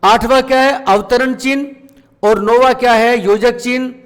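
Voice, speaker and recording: High-voiced man teaching grammar in a hall. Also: steady tone, normal speed, smooth. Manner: asks rhetorical questions and answers them himself. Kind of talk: Hindi grammar lesson.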